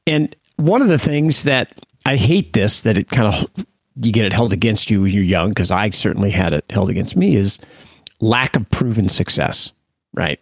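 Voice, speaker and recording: A man's voice: fairly low pitch, animated, moderate pace, vocal fry, slightly rough, no room sound. Easygoing man, dry close mic. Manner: easygoing, laughs at himself, plain talk. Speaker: podcast co-host. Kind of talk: casual podcast chat.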